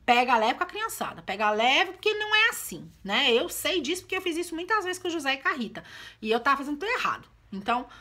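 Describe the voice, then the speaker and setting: Very animated and fast-talking, this mother of two uses a high, pushed, bright voice in a casual vlog about her children. She explains as she goes, peppering her talk with "gente" and "né" aimed at her viewers.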